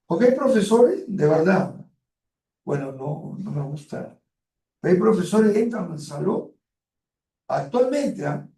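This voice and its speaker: A man's voice: high voice, sing-song, measured pace, long pauses, warm tone, roomy sound, recorded from a distance. A man giving an online university class. He stretches words out for emphasis, uses many fillers and speaks to his students in a direct, colloquial way. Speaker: university lecturer.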